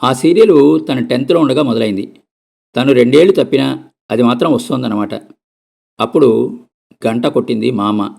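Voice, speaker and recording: A male storyteller with a gravelly voice at a middle pitch. He reads a short story aloud in a steady, conversational manner. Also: moderate pace, long pauses. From Andhra Pradesh. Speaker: narrator. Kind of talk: storybook reading.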